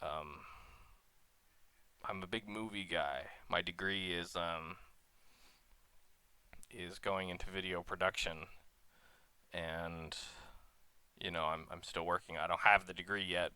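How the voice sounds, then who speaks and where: Young man, low pitch, halting downbeat rant, dry close sound. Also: steady tone, clean tone, dry recording. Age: young adult. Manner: halting, stuttering, downbeat and quiet. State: bummed out. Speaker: vlogger. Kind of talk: casual rant to camera.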